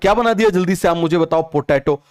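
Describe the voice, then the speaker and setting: Male teacher, young, online class, fires questions and answers them, repeats terms, smooth clear tone. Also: sits high, fast. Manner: mixes English terms into Hindi. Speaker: biology teacher.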